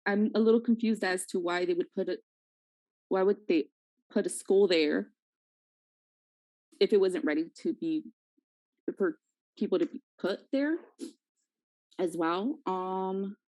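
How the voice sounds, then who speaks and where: A woman, a parent, giving an emotional public comment at a school board meeting over a video call, halting and full of fillers. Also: mid-range voice, warm tone, dry recording, rough recording.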